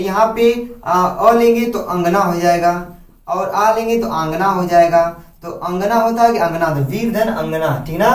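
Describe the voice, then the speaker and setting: A man teaching a grammar lesson in a classroom style. He repeats each point and keeps asking his students questions, then answers them himself. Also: sits high. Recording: echoey room, voice from a distance.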